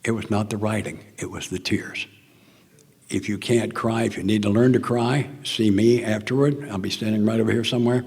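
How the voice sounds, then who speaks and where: Gravelly older Southern man in a hall. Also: lowish voice, steady tone, fairly quick, hardly any pauses, a little mellow. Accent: Southern American. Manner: earnest, plainspoken storytelling, often dropping to a near whisper. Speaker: speaker at a recovery meeting. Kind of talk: personal talk at a recovery meeting.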